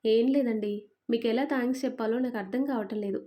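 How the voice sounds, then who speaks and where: A woman reading a storybook voicing a young wife who speaks softly and pleads with her husband. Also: on the high side, fast talker, natural voice. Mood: gentle. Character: young wife, patient and hurt.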